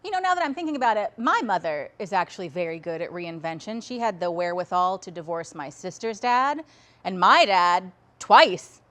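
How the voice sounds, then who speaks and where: A woman's voice: on the low side, expressive, moderate pace, fairly bright tone. Woman storyteller, wry and reflective, conversational monologue.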